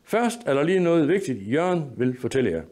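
A man's voice: a little high, very animated, a little mellow, voice pushed up. Male reader doing defiant young daughter, blunt, irritated, pleading.

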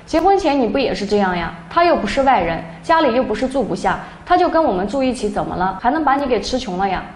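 A woman's voice: fairly high pitch, very animated, fast, a little hiss or hum. A woman voicing an angry, domineering young husband who scolds his wife, read in an echoey room. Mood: irritated. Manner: scolding, dismissive.

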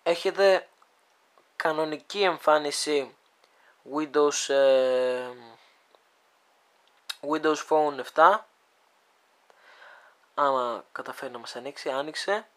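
A speaker with a smooth, clear voice walks viewers through a phone app at a middle pitch. The delivery is halting, full of pauses and restarts while thinking aloud, and addresses the audience like friends. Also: a bit bright. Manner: hesitant, thinking aloud, many fillers. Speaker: video creator demonstrating a phone app. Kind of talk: casual screen demo walkthrough.

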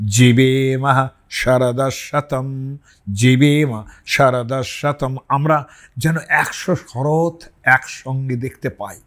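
Slow-speaking man explaining old scripture. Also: mid-range voice. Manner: chants Sanskrit verses slowly, then explains them. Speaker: scholar lecturing on scripture.

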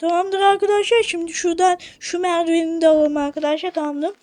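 A woman's voice: extremely high pitch, little pitch movement, quick pace, darkish tone. A woman giving chatty Minecraft let's-play commentary, constantly addressing her viewers. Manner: chatty, keeps saying 'friends' to viewers. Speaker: gaming YouTuber.

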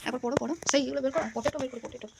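A woman's voice: sits high, steady tone, very fast, gravelly, heavy background noise. A young woman in a home vlog, coaxing a small child and repeating words for them. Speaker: mother and vlogger. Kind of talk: home vlog, coaching a toddler.

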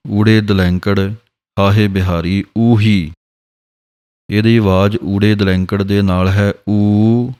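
Man, Punjabi accent, low smooth voice, patient syllable-by-syllable teacher. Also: a little mellow. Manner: patient, spells out each syllable. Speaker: Gurbani pronunciation teacher. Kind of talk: slow, careful pronunciation lesson.

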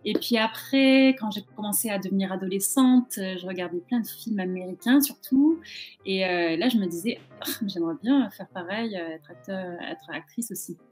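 A woman's voice: mid-range voice, normal speed, darkish tone, faint music behind. A young woman from southern France, chatting informally and self-deprecatingly in an interview over a video call. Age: young adult. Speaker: interviewed actress. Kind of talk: casual interview chat. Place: indoor room at home, video call. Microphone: video call microphone.

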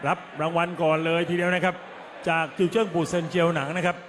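A man giving excited boxing commentary, exclaiming and repeating short calls. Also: high voice, fast. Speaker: Muay Thai TV announcer and commentator. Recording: crowd and music behind voice. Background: noisy arena crowd and music.

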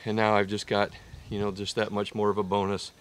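A man in his forties with a lowish voice talks casually as the host of a hunting vlog. His delivery is halting and full of awe. The sound is a little distant, picked up by a camera mic in the field. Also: completely flat delivery. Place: hunting blind and outdoor bushland.

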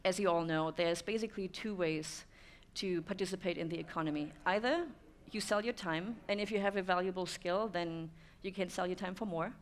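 A German woman in her thirties gives a thoughtful conference talk to an audience in a dim, stone-walled room, using many "um" fillers. Her voice is on the low side, and she speaks briskly with hardly any pauses.

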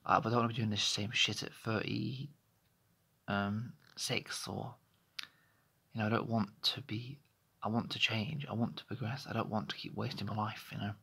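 Creaky and husky, this man's lowish voice has a flat delivery at a moderate pace, pushed and bright. He's in his thirties, vlogging candidly into a phone close to his face in a small bedroom, rambling and hesitant with many restarts.

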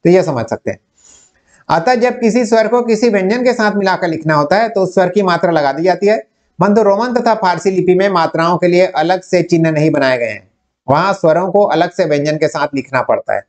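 North indian guy teaching hindi, kinda high voice, asks himself questions then answers them. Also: a little fast. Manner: explains step by step, asks and answers his own questions. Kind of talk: whiteboard lecture.

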